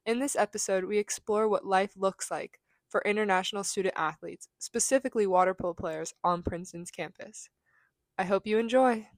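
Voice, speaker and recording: A woman's voice: mid-range voice, brisk. A young woman hosting a student podcast, asking interview questions in a hesitant way with many fillers. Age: young adult. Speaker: podcast host.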